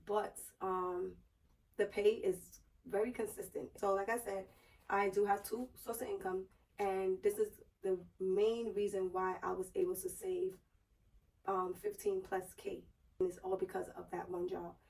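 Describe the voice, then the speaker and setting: Female vlogger, hoarse and strained as if recovering a lost voice, mid pitch, casual explainer delivery, slightly off-mic. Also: a little mellow, recorded from a distance, low-quality recording. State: hoarse, strained voice just back after losing it, sore throat. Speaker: YouTube vlogger. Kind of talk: casual personal finance vlog.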